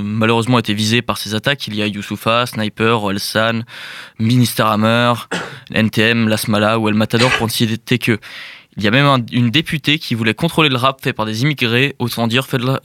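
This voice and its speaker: A man's voice: medium pitch, fairly bright tone, no room sound, studio quality. A man reading an indignant, emphatic opinion commentary as a radio columnist.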